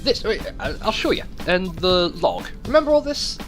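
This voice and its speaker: With game music playing in the background, a man hosting a let's play rambles casually through his commentary, cursing freely and muttering to himself as he plays. His voice is high-pitched and sing-song, at a moderate pace.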